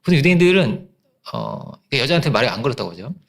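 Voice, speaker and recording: With a mid-range voice full of vocal fry, a man preaching his Sunday sermon races through an animated story. As pastor, he acts out the quoted voices and drifts into fillers and restarts.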